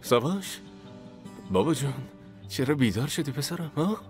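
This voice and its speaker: A man's voice: on the high side, animated, darkish tone, faint music behind, lightly acted. A man playing a desperate cornered young father. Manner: pleading, bursts into raised cries. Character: distraught young father, trapped in marriage. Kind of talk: Persian dub of a TV drama.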